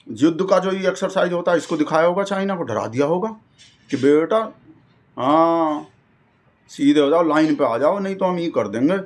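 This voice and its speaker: A man delivering a rambling satirical monologue in character as an earnest party devotee, folksy and mock-earnest. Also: high voice.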